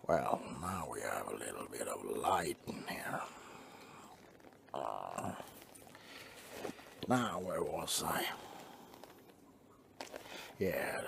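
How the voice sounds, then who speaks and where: Man playing Salty Pete, gravelly slow old fisherman. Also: extremely low pitch, a bit bright, a little hiss or hum, heavily acted. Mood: reminiscing. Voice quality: gravelly, breathy half-whisper. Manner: slow, rambling, folksy, mildly gruff. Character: salty old fisherman spinning sea tales to kids. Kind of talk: ASMR soft-spoken roleplay storytelling.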